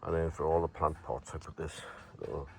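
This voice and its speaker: A man's voice: a bass voice, level tone, brisk, a little hiss or hum. A man giving a casual, matter-of-fact hands-on demonstration in short, plain-spoken phrases. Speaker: hobbyist demonstrating a homemade gadget. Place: shed and garden, partly outdoors.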